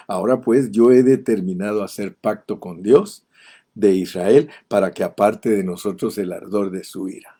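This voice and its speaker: An older Guatemalan man in his seventies preaches a sermon with a Guatemalan Spanish accent. His voice sits low and mellow, and he talks in a folksy storytelling way before building to impassioned appeals. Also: breathy edge. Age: 70s. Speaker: pastor.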